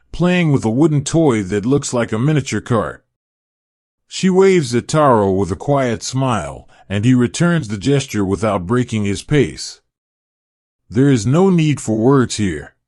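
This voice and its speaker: Slow, soothing male bedtime narrator, dry sound. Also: mid-range voice, very animated, a little mellow, no room sound. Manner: soothing, unhurried, meditative. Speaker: narrator of a bedtime history story. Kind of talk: slow, scripted sleep-story narration.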